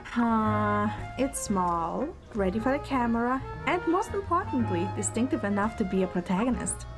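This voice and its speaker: A woman reads scripted first-person narration and dialogue for an audio drama, narrating while also playing its heroine, a young producer. Her voice is fairly high with lively intonation at normal speed, over background music in a rough recording.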